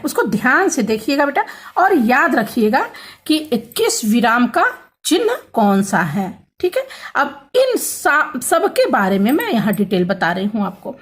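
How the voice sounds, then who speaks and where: A woman's voice: on the high side, slightly rough. A woman teaching a grammar lesson to children, explaining patiently and often checking that they follow.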